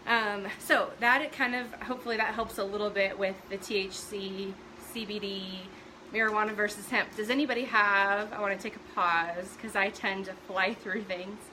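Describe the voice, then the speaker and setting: Chatty host, middle-aged woman with a bright voice, easygoing live-stream explainer talk. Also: medium pitch, steady tone, moderate pace, slight background noise, low-quality recording. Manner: chatty, greets viewers by name, many fillers. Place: at home.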